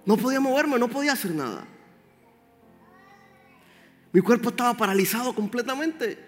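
Man, preacher, high pitched, animated, long hall reverb. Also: normal speed. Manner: animated, addresses the congregation directly. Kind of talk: sermon. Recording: roomy hall with faint music.

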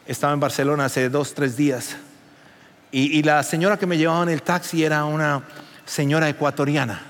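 A man preaching a sermon as pastor, animated and rising to near shouts. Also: a little high, a little fast, long reverb tail.

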